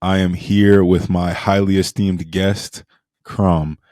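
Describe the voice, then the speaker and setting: A man's voice: deep voice, level tone, slow pace, darkish tone, no room sound, studio quality. A man hosting a podcast interview in a casual, slangy and enthusiastic way.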